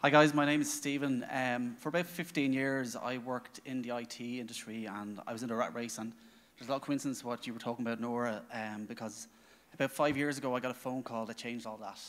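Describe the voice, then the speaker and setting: A man's voice: mid-range voice, steady tone, a little fast. A middle-aged man telling a personal story to an audience. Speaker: company founder. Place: large conference stage, indoors. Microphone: handheld microphone. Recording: reverberant conference hall.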